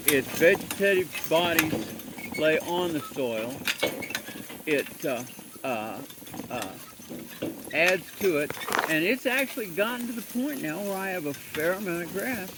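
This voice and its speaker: A man giving a casual walking tour of his farm, talking in a blunt, folksy, rambling way and swearing freely. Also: on the high side. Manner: rambling with restarts. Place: outdoors on a farm. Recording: outdoor noise behind the voice.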